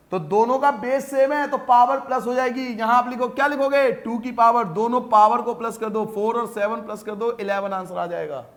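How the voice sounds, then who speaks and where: A man gives a maths lesson to students. He repeats every rule several times and keeps asking his pupils whether it is clear. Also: very high voice, a bit bright. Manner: repeats rules, quizzes students, calls them beta. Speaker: maths teacher.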